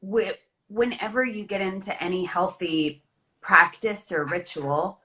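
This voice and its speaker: A woman hosting a relaxed chat, her voice bright and forward with a lively, animated delivery. She talks loosely and easily, the way people do in casual conversation. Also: medium pitch, a little slow. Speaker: host.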